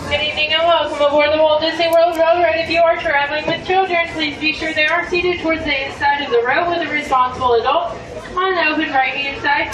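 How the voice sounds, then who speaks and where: High-voiced woman over a train loudspeaker. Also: distant mic, noisy background. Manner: clear, measured instructions. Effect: loudspeaker announcement on a train. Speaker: train announcer. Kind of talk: scripted safety announcement. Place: open-sided train at a busy outdoor station. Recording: echoey loudspeaker heard from afar in a crowd.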